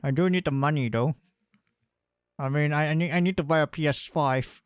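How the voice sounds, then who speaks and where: A man's voice: fairly high pitch, moderate pace, clear, resonant tone, no room sound, clean studio sound. A man streaming a video game, rambling, stammering, swearing and joking as he plays. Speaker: VTuber streamer. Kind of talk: casual gaming live stream commentary.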